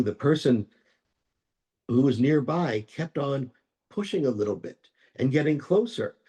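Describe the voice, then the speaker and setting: A man who is a rabbi, telling a parable in a measured way and slowing down for key lines. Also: medium pitch, warm tone. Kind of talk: storytelling teaching.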